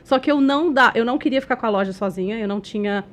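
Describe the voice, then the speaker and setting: A Brazilian woman who is a communication expert and a podcast guest, telling a personal story in an animated way, often laughing, who says she talks loudly by habit. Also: fairly high pitch, racing. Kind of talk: casual interview storytelling.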